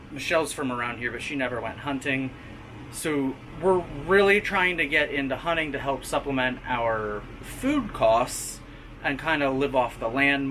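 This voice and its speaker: This homestead vlogger, a man in his thirties, has a bright, forceful mid-range voice, and the low-quality recording carries a bit of hiss or hum. Holding the camera at arm's length, he chats first out on rural land, then inside a camper. He speaks directly to viewers in a loose, easygoing vlog style.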